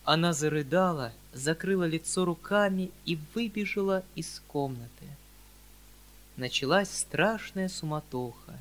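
A man reading classic literature aloud in a measured, grave narrating voice. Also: sits high, fairly bright tone. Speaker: audiobook narrator.

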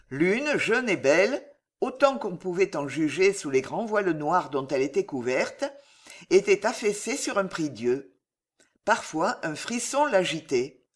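Expressive dramatic audiobook narrator. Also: mid-range voice. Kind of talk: audiobook reading of a historical novel.

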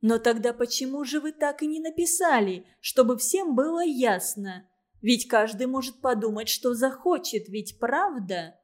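An earnest young woman, reproachful and insistent as she scolds, read by a woman narrator. The voice is light and fairly high. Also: lively intonation, a little slow, darkish tone.

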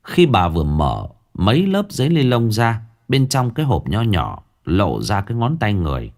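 A man narrating a ghost story in a dramatic, expressive reading style. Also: on the low side, normal speed.

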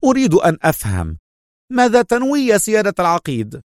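An anxious young female agent, as a man puts her on, pitched far up into a thin, strained register with wide leaps in intonation. Each line sounds dry and close, with no room around it. It plays like a storybook heroine who worries about her partner. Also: expressive, brisk, no echo. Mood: worried.

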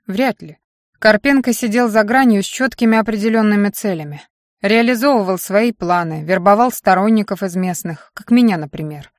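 A woman's voice: medium pitch, no room sound, close to an everyday voice. A woman voicing a brash, wary young man who talks in an offhand, mumbling drawl, in an audiobook read in a dry room.

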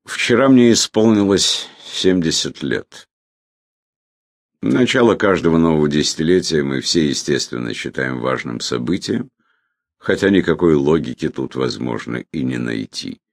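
A man reading a reflective memoir as audiobook narration, in a measured way with phrase ends that trail off. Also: very deep voice, expressive, vocal fry, no room sound, clean studio sound.

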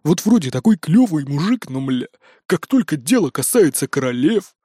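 Man doing a gruff giant khan. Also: fairly high pitch, sing-song, moderate pace, mellow, no room sound, studio quality. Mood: mocking. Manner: gruff, growling, mocking. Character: huge gruff male khan, a colonel.

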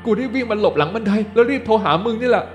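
A man's voice: very high voice, expressive, racing, muffled recording, faint music behind, pitched above the performer's own voice. A man voicing a frightened young man who is lost in a haunted house and is pleading frantically for help. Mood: panicked.

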